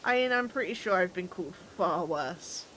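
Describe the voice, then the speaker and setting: A woman's voice: lowish voice, expressive, moderate pace, a bit bright, slight background noise. A British woman in her twenties, chatting casually with her chat while playing a game. She teases people, laughs often and trips over her words. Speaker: game streamer.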